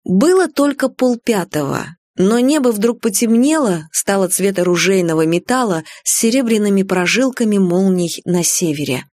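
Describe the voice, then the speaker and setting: A woman narrating a novel as an audiobook reader in an even, measured way. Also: medium pitch, no room sound. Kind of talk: scripted narration.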